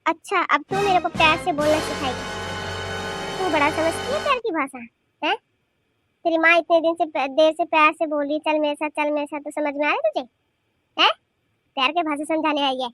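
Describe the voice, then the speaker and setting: A woman voicing a bossy, sharp-tongued grandmother in a cartoon, nagging and scolding. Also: high voice, brisk, long pauses, faint music behind. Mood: sarcastic. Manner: scolding, nagging rhetorical questions. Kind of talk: cartoon voice acting.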